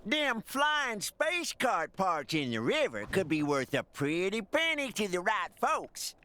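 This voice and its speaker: An actor voicing a folksy old prospector with an American Western drawl in a cartoonish video game. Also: male voice, sits high, big pitch swings, a little slow, sharp tone, exaggerated voice. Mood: scheming.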